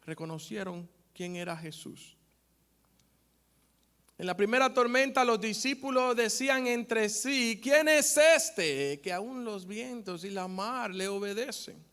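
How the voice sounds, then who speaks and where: A man preaching a sermon, addressing the congregation directly with numbered points and rising loud when he reads scripture aloud. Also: high-pitched, slow pace, smooth. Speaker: pastor.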